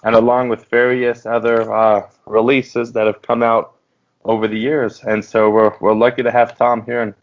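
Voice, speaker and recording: Male podcast host, casual and filler-heavy, mid pitch, dull lo-fi audio. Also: level tone, normal speed.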